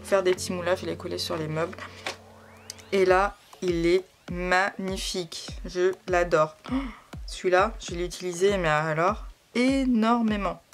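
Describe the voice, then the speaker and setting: A woman's voice: lowish voice, unhurried. Gushing French-speaking woman over music. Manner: gushing, enthusiastic, many fillers and repeats. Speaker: scrapbooking vlogger. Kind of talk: casual product unboxing chat. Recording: background music under the voice.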